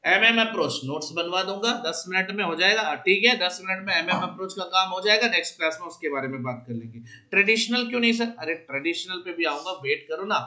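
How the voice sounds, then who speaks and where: A man teaching a class, teasing his students and dictating notes slowly, mixing English into Hindi. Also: sits high, sharp tone, echoey room. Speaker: commerce teacher. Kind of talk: classroom lecture.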